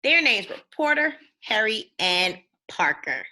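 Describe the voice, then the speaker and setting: Reading a children's storybook aloud in an animated way, a woman's medium-pitched voice swings widely in pitch and sounds pushed and bright. She goes a little slowly and stops now and then to put questions to her young audience.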